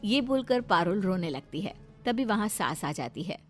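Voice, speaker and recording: A woman's voice: medium pitch, very animated, moderate pace, faint music behind. A woman narrating a cartoon story with plain storytelling delivery.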